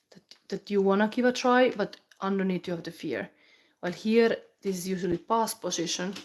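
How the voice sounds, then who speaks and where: This fairly low-pitched, darkish female voice belongs to a Finnish tarot reader with a Finnish accent who has the flu. Thinking aloud during a live reading, she trips over fillers and restarts and occasionally lowers to a whisper while channeling.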